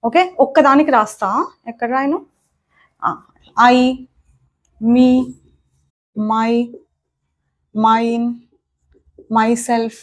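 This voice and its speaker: A woman's voice: a little high, fairly even intonation, extremely slow, long pauses. A young woman teaching grammar in a spoken lesson on her words, repeating points and often checking in with "okay?". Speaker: English teacher.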